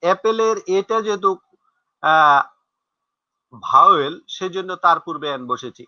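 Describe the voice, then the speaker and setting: Man, teacher, lively intonation, dry close sound, patient explaining. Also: fairly high pitch, no room sound, dull audio. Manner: explains slowly, repeats examples, asks rhetorical questions. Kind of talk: recorded classroom lesson.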